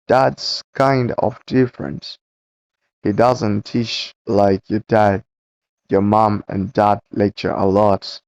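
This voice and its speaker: A man with a low, slightly cracking voice reads a book aloud at a very slow pace, stumbling and correcting himself as he goes. The sound is dry and close, with a dull, muffled home-recording quality. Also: a little mellow, no room sound. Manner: slow, halting reading with stumbles and self-corrections. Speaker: book reader.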